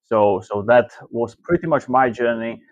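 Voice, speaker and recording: A man's voice: medium pitch, unhurried, no room sound. Man, dry, muffled call audio. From Slovakia. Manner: loose, filler-heavy phrasing. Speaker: guest, marketing coach. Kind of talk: interview answers.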